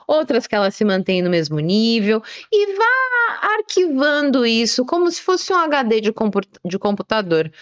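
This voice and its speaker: A woman giving an online English lesson, didactic and slowing down to stress key words. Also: medium pitch, clean tone, dry recording, muffled recording. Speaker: English teacher.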